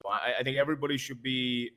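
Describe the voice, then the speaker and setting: A man's voice: medium pitch, little pitch movement, quick pace, pushed and bright. A man playing a senator in a game role-play, answering a crowd's questions bluntly, swearing and stammering on restarts. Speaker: senator in a roleplay briefing.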